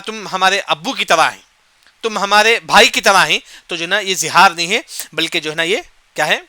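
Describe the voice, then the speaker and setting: High, bright-voiced man teaching Quran commentary. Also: dry recording. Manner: asks and answers his own questions, repeats key points; recites short Arabic verse phrases then glosses them.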